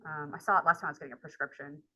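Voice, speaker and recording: Over a rough recording, a woman college instructor rambles through a personal story in a casual lecture, full of filler words and chatty in manner. Her deep voice keeps a steady tone yet races along, with a sharp edge.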